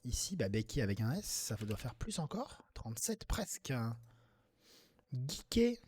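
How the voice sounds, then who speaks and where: A man playing Scrabble talks himself through each move, mostly in a low, half-muttered voice as he tries out letter combinations. Now and then he bursts into loud, delighted exclamations before settling back into his steady mid-pitched murmur. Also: measured pace, slightly rough. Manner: mutters word tries half to himself, with sudden excited outbursts. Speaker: Scrabble player commenting on his game. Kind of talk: thinking aloud while playing.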